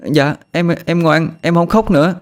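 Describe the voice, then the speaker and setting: A man's voice: normal speed, natural voice. A man doing a tearful little boy. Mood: eager. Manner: pleading, high and childlike. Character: tearful six-year-old boy missing his mother.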